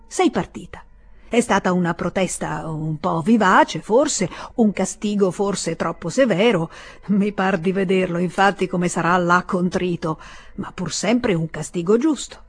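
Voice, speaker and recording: A woman reader voicing a composed elder brother who talks in an ironic, patronizing and calmly reasoning way. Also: on the low side, a little slow, husky. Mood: lecturing.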